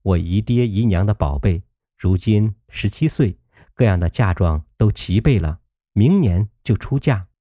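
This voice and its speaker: A man voicing a young maid who is gentle but sharp-tongued, coaxing and teasing in a storybook reading. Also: fairly low pitch, expressive, unhurried, no room sound.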